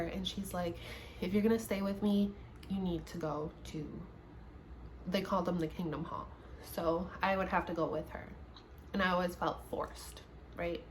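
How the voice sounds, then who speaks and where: A YouTuber in her late twenties, with a lowish voice, chats casually in a seated get-to-know-me vlog, laughing a lot and restarting sentences. She records at home on a camera mic, and the low-quality audio has slight background noise.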